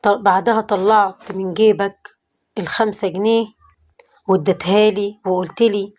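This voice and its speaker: A woman voices a repentant middle-aged former thief who confesses with an Egyptian Arabic accent, pleading and remorseful. Her natural voice is medium-pitched and darkish, with fairly even intonation and a moderate pace.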